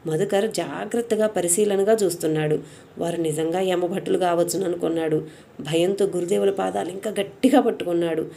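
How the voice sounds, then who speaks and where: A woman narrating a devotional story in a steady, even storytelling manner. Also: lowish voice, brisk, creaky, a little hiss or hum.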